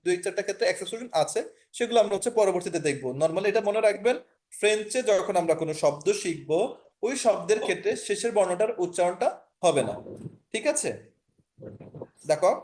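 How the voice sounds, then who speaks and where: A man with a Bangladeshi Bengali accent and a high-pitched, darkish-toned voice talks a little fast while teaching an online language class on a video call. He explains things patiently, restates his points, and often confirms that students understand.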